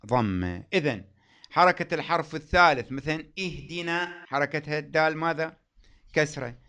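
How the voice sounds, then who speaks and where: A man teaching a grammar lesson. He asks the class questions, answers them himself, and draws out example words slowly. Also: a little high, sharp tone.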